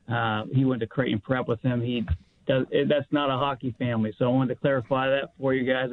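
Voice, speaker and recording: A man calling in to a sports radio show over the phone, speaking in a hurried, plain-spoken way and often stopping to correct himself. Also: medium pitch. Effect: phone line. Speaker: caller. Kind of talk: casual call-in chat. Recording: tinny phone line.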